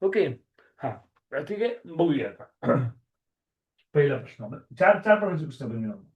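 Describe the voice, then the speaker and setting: Man, online maths teacher, Marathi accent, slightly hoarse, strict, repeats himself, fairly high voice, muffled video-call sound. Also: very animated, brisk. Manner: strict, repeats words, mixes in English.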